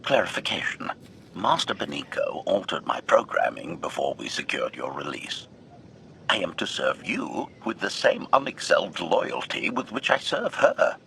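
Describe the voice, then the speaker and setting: A man's voice: deep voice, very animated, moderate pace, vocal fry, slight background noise, exaggerated voice. An actor playing a formal, coldly loyal male assassin droid with a robotic android voice, who speaks in a clipped way and opens each reply with a one-word label. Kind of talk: video game dialogue. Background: loud game music.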